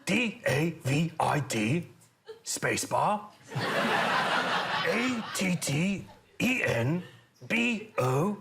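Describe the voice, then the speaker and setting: A man's voice: a little high, very animated, very slow, gravelly, long pauses, heavily acted. A man doing a comic impression of an elderly naturalist narrator fleeing danger, spirited as he spells things out. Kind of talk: comic impression on a panel show. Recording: studio audience noise.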